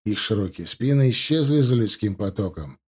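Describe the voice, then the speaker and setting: A man narrating a first-person audiobook with steady storytelling. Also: fairly low pitch, normal speed, breathy edge.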